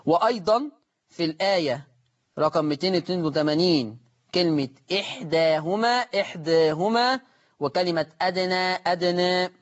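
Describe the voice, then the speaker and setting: A man with an Egyptian accent teaching Quran recitation rules, repeating words slowly and answering his own questions. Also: fairly high pitch. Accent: Egyptian Arabic. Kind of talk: live recitation lesson with callers. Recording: muffled lo-fi broadcast audio.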